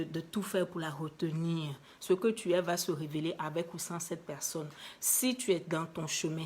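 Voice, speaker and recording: An Ivorian woman with a fairly low voice and an Ivorian French accent delivers a motivational talk to her viewers. She is emphatic and lively, packing her speech with rhetorical questions and repeated phrases.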